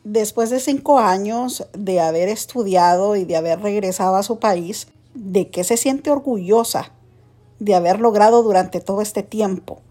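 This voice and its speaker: A woman's voice: medium pitch, unhurried, warm tone, faint music behind. A woman hosting a podcast, reading a scripted intro and asking questions in a polite, formal manner. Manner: formal, polite, uses usted. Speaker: podcast host.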